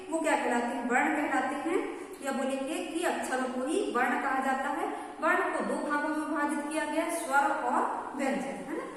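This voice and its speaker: A woman's voice: high voice, a bit bright. A woman teaching a grammar lesson to a class, often stopping to ask whether everyone has understood. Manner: checks understanding with repeated questions. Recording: echoey room, mic far off, faint noise.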